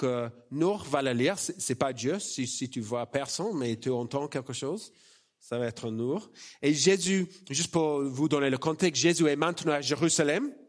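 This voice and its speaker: A man with an Australian accent in French, a native English speaker, preaching in an informal, self-deprecating and halting conversational way. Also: a little high. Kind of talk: sermon, conversational and personal.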